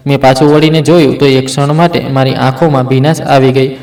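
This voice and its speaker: A man narrating a first-person story in a steady, sombre way, with small restarts. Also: mid-range voice, fairly quick, creaky, roomy sound, rough recording.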